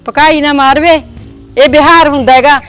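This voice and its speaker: A woman's voice: sits high, fairly even intonation, a bit bright, soft background music. A woman playing a caring married daughter with a Punjabi accent, talking with her old mother. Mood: earnest. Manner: quick, pleading. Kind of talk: village drama acting.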